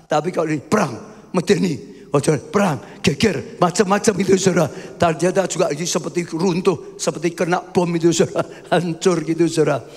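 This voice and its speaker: A gravelly, fairly high-voiced man preaches, emphatic and constantly turning to the congregation. His voice rings through a church hall with a long, trailing reverb. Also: fairly even intonation, brisk. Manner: emphatic, often addressing the congregation as 'brothers'. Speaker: pastor. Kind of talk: sermon.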